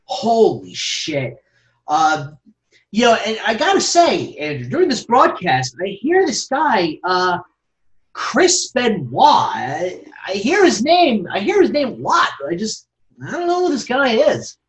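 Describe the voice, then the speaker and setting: A man's voice: high-pitched, wildly swooping pitch, measured pace, low-quality recording. A man co-hosting a podcast in casual chat, making wry, dry jokes. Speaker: podcast co-host.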